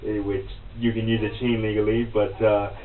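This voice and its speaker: A man's voice: lowish voice, level tone, moderate pace. A man co-hosting a casual wrestling podcast, easygoing and agreeable, filling his talk with "uh" and "man". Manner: easygoing, agreeable, many fillers. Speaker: podcast co-host. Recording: roomy, distant, phone-like, faint noise.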